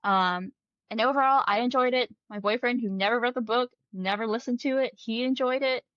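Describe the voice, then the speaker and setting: A woman's voice: on the high side, a little fast, fairly bright tone, dry recording, muffled recording. A woman speaking as a guest on a casual podcast chat, earnest and easygoing, with lots of "like" and "you know.".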